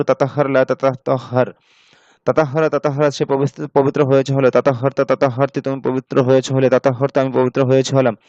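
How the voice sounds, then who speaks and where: Fast-drilling man teaching Arabic grammar. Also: medium pitch, darkish tone, no echo. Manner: rapid drilling of verb conjugations, self-correcting. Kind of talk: recorded grammar lesson. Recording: dull, lo-fi, dry.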